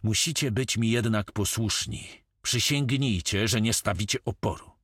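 A man's voice: on the low side, normal speed, fairly bright tone, breathy edge, dry recording, studio quality. A man voicing a commanding pirate captain who gives terse orders.

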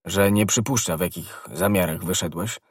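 A man voicing a scheming cloaked stranger in a storybook, curt and probing, with a husky voice. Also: sits low, normal speed, no echo, studio quality, distant mic.

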